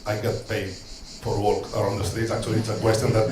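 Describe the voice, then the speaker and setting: Working from notes, this man from Catalonia gives an earnest English talk about his job as a street social educator, his Catalan-Spanish accent clear. He's brisk yet hesitant, with many ums, restarts and warm asides, his fairly low voice barely moving in pitch. Background noise and room echo fill the recording.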